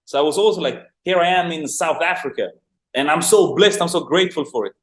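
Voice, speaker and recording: A man's voice: fairly high pitch, fast talker. A young man from Sweden, a guest chatting loosely and upbeat about his life, with lots of "like" fillers. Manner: loose, rambling, upbeat, with many "like" fillers and laughs. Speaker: guest, online marketer for dancers. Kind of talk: casual interview chat. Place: remote call from abroad. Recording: roomy echo.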